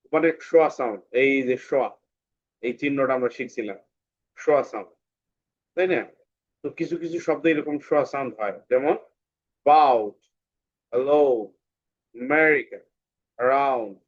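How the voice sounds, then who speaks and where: A man teaching English pronunciation to children, patiently repeating words slowly for the class. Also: medium pitch, muffled recording.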